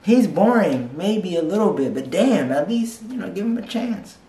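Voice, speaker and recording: A man's voice: sits high, very animated, moderate pace, warm tone, slight background noise. Young guy roasting people on his reaction vid, profane and cocky, echoey room. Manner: brash, profane, mocking. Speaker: reaction video host. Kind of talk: casual reaction commentary. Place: small room, seated on a couch.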